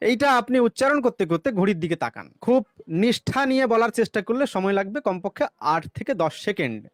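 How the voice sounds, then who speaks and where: Sarcastic male commentator, animated and high-pitched, working through numbers. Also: fast, dry recording, studio quality. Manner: sarcastic, chants the mantra mid-argument. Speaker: religious commentator. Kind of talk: explanatory monologue with arithmetic.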